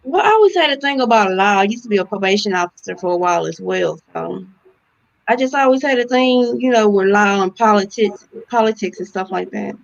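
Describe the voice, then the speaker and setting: A woman from Louisiana, a guest in a casual interview, giving relaxed, short answers. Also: mid-range voice, a little fast, creaky, dull audio. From Louisiana, USA. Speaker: guest, real estate investor.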